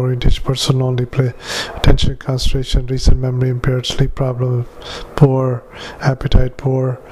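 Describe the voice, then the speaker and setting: Male clinician dictating to a recorder; very flat, halting, mid-pitched. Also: a little hiss or hum, rough recording. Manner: halting, with many filler sounds and restarts. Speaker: clinician dictating a patient report. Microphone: handheld dictaphone.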